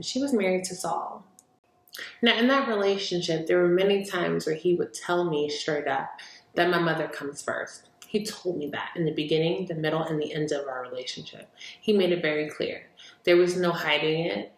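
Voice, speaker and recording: A woman's voice: fairly low pitch, normal speed. A woman telling a personal story in an earnest, heartfelt way, speaking openly about her faith. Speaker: vlogger sharing a personal story. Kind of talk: casual storytelling monologue. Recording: echoey room.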